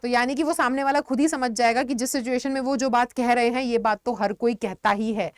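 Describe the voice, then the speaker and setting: A woman teacher explaining vocabulary in an online lesson, mixing Hindi with words and giving lively examples. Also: a little high, brisk, no room sound, clean studio sound. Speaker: English teacher.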